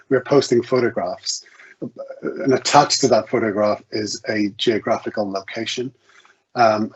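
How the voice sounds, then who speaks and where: Heard over muffled, lo-fi online call audio, a man with a fairly low, slightly rough voice is interviewed as a guest author at an online video event. He talks conversationally but hesitantly, self-correcting and restarting sentences with stammers while thinking aloud.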